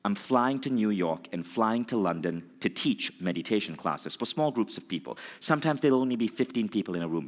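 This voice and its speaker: A man in his forties telling a motivational story to an audience, animated and acting out conversations. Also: fairly low pitch, long reverb tail. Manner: animated, acts out dialogue, addresses audience. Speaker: motivational speaker.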